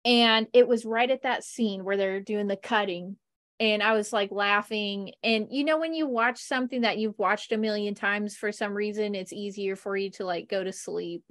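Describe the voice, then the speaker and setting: A woman who is an adult with a husband hosts a podcast, chatting casually about movies and telling a story while laughing and saying "like" constantly. Her mid-range voice is steady and fairly bright at a normal speed, captured in a dry, studio-quality recording.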